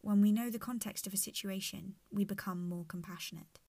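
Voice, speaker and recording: A woman of nineteen narrates a reflective podcast in a measured, articulate way. She talks through gritted teeth, at a middle pitch, in a dry recording with very little room sound. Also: steady tone, mellow, no echo. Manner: speaking through gritted teeth from a sore jaw. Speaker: podcast host.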